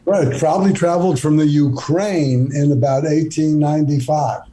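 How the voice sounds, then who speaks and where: A man telling a joke in a measured, unhurried storytelling way as a guest on a talk show. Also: on the high side, warm tone, poor audio.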